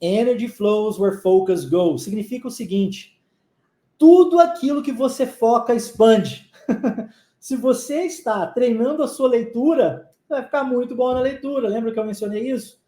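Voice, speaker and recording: An English teacher whose first language is Portuguese, giving a live online lesson. The teacher drills short phrases slowly and keeps checking in with the learners. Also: medium pitch, lively intonation, warm tone, roomy sound.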